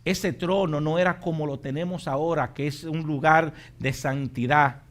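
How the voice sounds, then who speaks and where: A man preaching a sermon as pastor, moving from quiet, measured teaching to shouted, repeated exhortations to the congregation. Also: a little high, fairly even intonation. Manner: repeats phrases for emphasis, calls out to the congregation.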